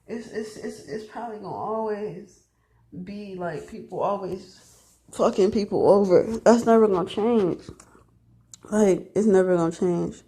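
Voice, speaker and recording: Speaking directly to the camera, this twenty-something aspiring rapper vlogs casually, swearing bluntly and rambling with plenty of fillers and repeated words for emphasis. Her mellow, medium-pitched voice comes through a low-quality recording.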